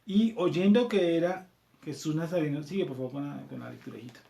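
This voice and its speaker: A Colombian man leads a scripture class, reading passages aloud and going over them again. His voice sits a little high for a man. The room around him is noticeably echoey. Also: a little fast, vocal fry, mellow. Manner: reads verses aloud, repeats them, checks in with "¿cierto?". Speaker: Bible study teacher.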